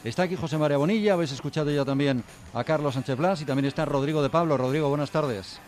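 A man's voice: on the high side, very fast, darkish tone, faint music behind. A man hosting a radio sports show, talking emphatically and repeating phrases for effect. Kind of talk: animated sports talk presenting.

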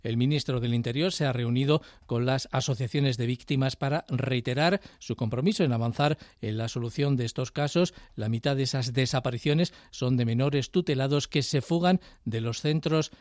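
A man's voice: mid-range voice, normal speed, few pauses, no echo, clean studio sound. Man anchoring a news bulletin. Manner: steady formal delivery. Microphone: studio mic.

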